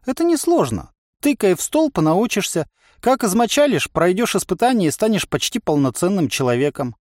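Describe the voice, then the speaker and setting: A man's voice: high-pitched, sing-song, fairly quick, darkish tone, no echo, studio quality, pitched above the performer's own voice. A man doing a chatty wry inner voice. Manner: talkative, ironic, reasoning.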